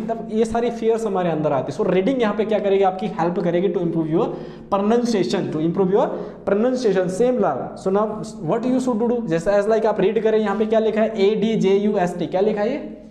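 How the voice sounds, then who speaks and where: A man with an Indian accent teaches a class in a room with a strong echo. His voice sits high for a man but has a dark, mellow tone. He repeats words over and over and keeps asking his students questions. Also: normal speed. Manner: mixes Hindi and English, repeats words and asks the class questions. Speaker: English teacher. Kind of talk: classroom lesson.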